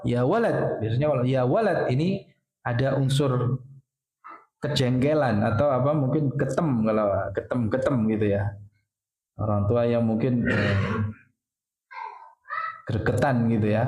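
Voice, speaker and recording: Preacher with a mellow voice, echoey hall. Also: male voice, medium pitch. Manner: explains by asking and answering his own questions, frequent "ya". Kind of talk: mosque study sermon. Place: mosque hall.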